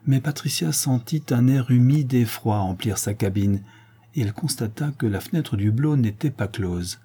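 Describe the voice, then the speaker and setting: A man narrating an audiobook in a steady, measured reading voice. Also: mid-range voice, slightly rough.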